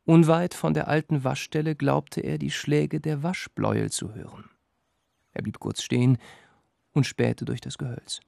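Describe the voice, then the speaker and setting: A man narrating a fairy tale with measured, dramatic telling. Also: a little high, steady tone, vocal fry, darkish tone, dry recording, clean studio sound. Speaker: storyteller.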